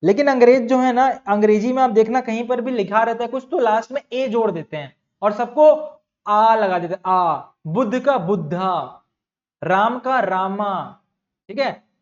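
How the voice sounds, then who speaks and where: A man's voice: very high-pitched, fairly quick, a little mellow. A young male teacher giving an exam-prep lecture, who repeats key words, asks the class questions and calls his students bhaiya and bachcha. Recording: dull lo-fi sound.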